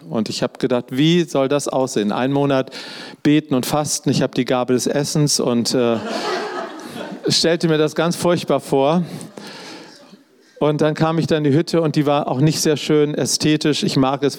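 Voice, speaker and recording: A middle-aged man gives a sermon in a relaxed storytelling voice. He talks to his listeners directly, as if chatting with friends. His voice sits in an ordinary middle range. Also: mid-range voice. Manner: storytelling, conversational, addresses audience directly. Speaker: preacher.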